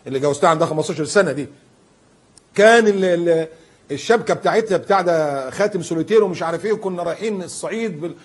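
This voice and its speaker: Fast-talking Egyptian preacher with husky voice. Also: male voice, high voice. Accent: Egyptian Arabic. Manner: animated, joking, acts out everyday scenes. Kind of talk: humorous Friday-style sermon.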